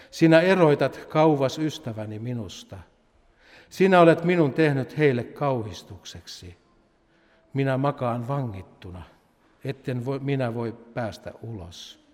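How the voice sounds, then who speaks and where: A man preaching a sermon and reading a psalm aloud, solemn and measured, his phrases trailing off softly at the ends. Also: medium pitch, long reverb tail.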